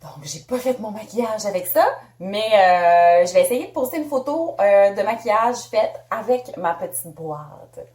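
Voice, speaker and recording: This bubbly Québécoise woman from Canada unboxes makeup in a casual, chatty beauty vlog, laughing often. She has a mid-range, animated, slightly mellow voice at a measured pace, recorded in an echoey room.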